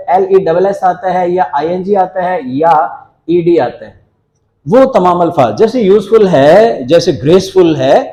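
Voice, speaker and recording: High-voiced man teaching grammar. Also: dark tone, poor audio. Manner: explains step by step, mixing in English phrases; repeats words to drill them. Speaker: English teacher. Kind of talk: grammar lecture.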